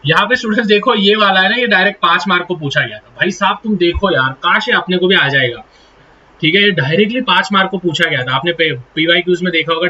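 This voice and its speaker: A man's voice: sits high, bright, forceful tone. A young man teaching an exam-prep lesson, chatty and teasing as he talks to his students directly. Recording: slightly dull lo-fi recording with faint hiss.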